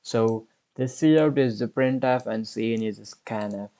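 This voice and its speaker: A man in his twenties hosts a screen-recorded programming tutorial, talking through the code step by step as he types. His voice is mid-range and warm, and he never rushes.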